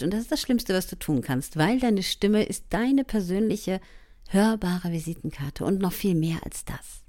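Woman voice coach, mellow lowish voice, talks right to you, encouraging. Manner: encouraging, addresses listener directly, soft asides. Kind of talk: guided voice training lesson.

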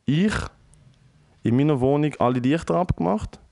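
A young man with a Swiss German accent, animated and swearing often, telling a story in a casual chat with English slang mixed in. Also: on the high side, normal speed, gravelly.

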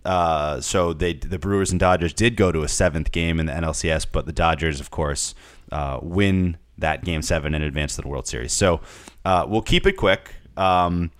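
A man's voice: low voice, moderate pace, no echo. A young man co-hosting a casual sports podcast, rambling with many fillers and repeated words. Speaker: podcast co-host.

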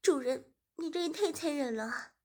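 A woman voicing a coy young woman who pleads and whines in a high, breathy voice. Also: normal speed, a little mellow, lightly acted. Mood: coy pleading.

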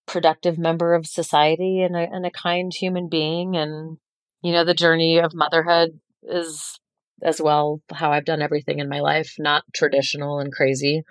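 A woman's voice: sits low, no echo. A woman in her forties, a chef, speaking as a guest in a podcast interview, earnest and reflective and often restarting a phrase. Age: 40s.

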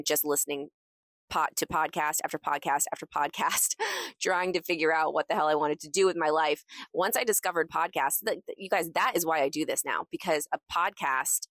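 A woman with a fairly deep voice hosts a casual motivational podcast. She is chatty and emphatic, recorded close and very dry inside a closet. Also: fairly bright tone, no room sound. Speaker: podcast host. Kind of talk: casual solo podcast talk.

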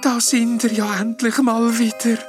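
A man voicing a small, sad and hopeful ghost, speaking softly in a whispery way in a storybook reading. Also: very high voice, flat delivery, a little slow, music in the background, pitched above the performer's own voice. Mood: hopeful hushed. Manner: soft and whispery.

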